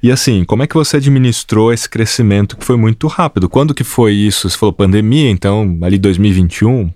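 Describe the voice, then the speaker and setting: Man, podcast host, relaxed questions, low voice, dry sound. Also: fast talker, no room sound. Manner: relaxed, affirming, asks long questions. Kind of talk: interview questions, casual.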